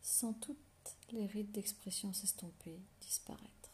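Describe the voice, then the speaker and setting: In a gentle, close whisper, a woman with a mid-range voice leads a guided relaxation meditation. Her soothing directions come slowly, separated by long silences.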